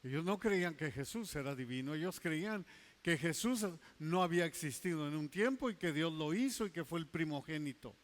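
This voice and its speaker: A male pastor preaching a sermon, emphatic, stretching key words slowly and dropping into quiet asides. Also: fairly high pitch, animated.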